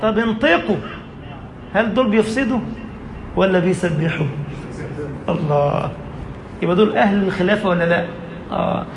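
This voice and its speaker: A man preaches with an Egyptian accent, his high voice lively and emphatic as he rushes some phrases and draws others out. He is recorded in an echoey mosque hall with a faint hum of noise behind him. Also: creaky. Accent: Egyptian Arabic. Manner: lively, emphatic, quickens and slows for effect. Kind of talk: sermon.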